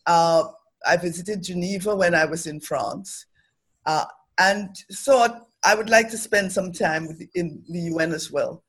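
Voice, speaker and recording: An academic and development professional from Trinidad, this middle-aged woman is interviewed in a reflective conversation, speaking earnestly and with care. Her voice is lowish and breathy, and she never hurries.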